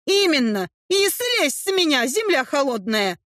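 A woman voicing a fiery young sorceress who snaps in sharp, indignant outbursts, in an audiobook reading. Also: sits high, sing-song, a little slow, no echo, studio quality, pitched above the performer's own voice, exaggerated voice. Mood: furious. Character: fiery young female sorceress, hot-tempered. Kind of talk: audiobook character voice.

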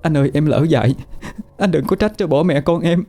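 A man putting on a high, whimpering voice for a frightened young wife in a spoken story. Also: brisk, dark tone, faint music behind.

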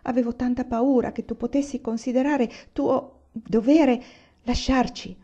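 A woman reading the part of a quiet, practical wife in a novel, speaking softly and with restraint. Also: fairly high pitch, fairly even intonation, unhurried, lo-fi sound, pitched above the performer's own voice.

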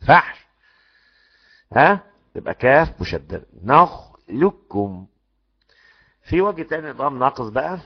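An Egyptian man teaches Quran recitation and drills each sound aloud for his class. His voice is gravelly, and the recording sounds dull and muffled. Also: medium pitch. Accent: Egyptian Arabic. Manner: animated, demonstrates sounds repeatedly, asks the class questions. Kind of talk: lecture on tajweed rules.

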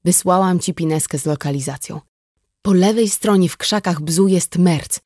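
A woman reading the part of a tough, composed young woman who speaks calmly and bluntly with a dry wit, in an audiobook. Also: fairly low pitch, normal speed, no echo, natural voice. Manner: calm, blunt, wry.

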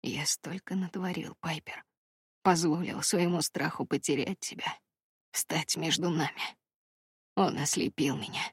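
A woman reading the part of a remorseful young fisherman in love, speaking low in a husky half-whisper. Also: moderate pace, pauses often, no room sound, studio quality, full character voice. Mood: devoted. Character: remorseful crab-fisherman lover, young man.

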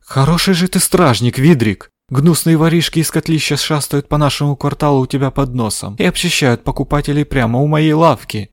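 A man voicing a loud, scolding elderly woman shopkeeper in a dry audiobook recording. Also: on the high side, fairly quick, hardly any pauses, no echo, voice pushed up, natural voice. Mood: indignant. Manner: fussing and bellowing. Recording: dry studio sound.

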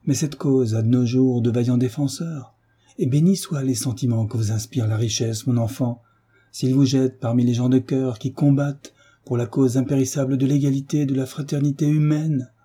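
A man voicing a passionate tutor who preaches with rising fervour, in a dark, husky voice. He speaks like an orator and leans hard into his big words. It is read in an audiobook. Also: medium pitch, fairly even intonation, moderate pace, close to an everyday voice. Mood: solemn. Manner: impassioned, oratorical. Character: fervent male tutor, middle-aged, idealistic. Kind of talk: audiobook reading.

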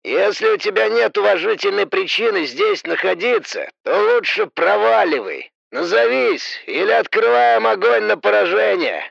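A man doing a rasping guard over police-style radio. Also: high voice, fairly bright tone, dry recording, pitched above the performer's own voice, exaggerated voice. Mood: threatening. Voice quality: hoarse, rasping. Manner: slow, taunting, drawn-out delivery. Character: gruff, mocking male perimeter guard. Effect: heard over a two-way radio. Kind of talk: audiobook character voice. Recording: muffled radio transmission.

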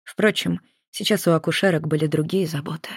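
A narrator reading a novel aloud in a steady, measured way. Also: mid-range voice, vocal fry, husky, dry recording, studio quality. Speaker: audiobook narrator.

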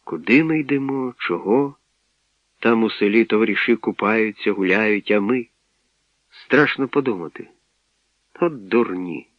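A man's voice: fairly low pitch, a little slow, pauses often, no echo, lightly acted. A man voicing a sulky, gloomy boy who whines and pleads, on a dull lo-fi radio recording. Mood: pleading. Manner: whiny, pleading.

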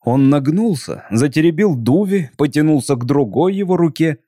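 A man reads a story aloud with calm, measured pacing. His tone is mellow and dark, set against a dry, close recording with no room echo. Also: a little high. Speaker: narrator. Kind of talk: audiobook reading.

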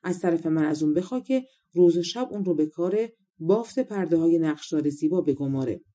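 A woman's voice: lowish voice, lively intonation, dark tone. A woman voicing a haughty, scornful fairy queen in a storybook reading. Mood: commanding. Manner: scornful, commanding.

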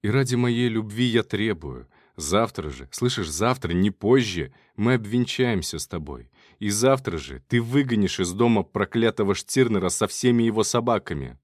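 A man reads the part of a jealous young lover, agitated and reproachful, whose voice sits on the low side. The sound is dry and close, with no room around it. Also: animated, moderate pace, hardly any pauses, no room sound. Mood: insistent. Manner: agitated, reproachful, breaking into hysterical laughter. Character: jealous, distraught young man accusing his beloved. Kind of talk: audiobook character reading.

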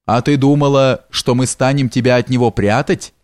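A man's voice: medium pitch, steady tone, normal speed, a little mellow, no room sound, clean studio sound, close to an everyday voice. A man voicing a sly, fawning male steward in an audiobook, with a coaxing, wheedling way of talking.

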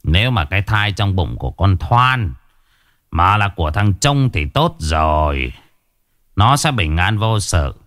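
A man voicing a calm, weary older village sorcerer who speaks in a measured, lecturing way. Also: low-pitched, no room sound, studio quality, exaggerated voice. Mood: grave.

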